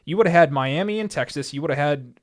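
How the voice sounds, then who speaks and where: Male podcast co-host, rapid casual sports chatter, rambling delivery. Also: a little high. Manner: rambling, repeats himself when worked up.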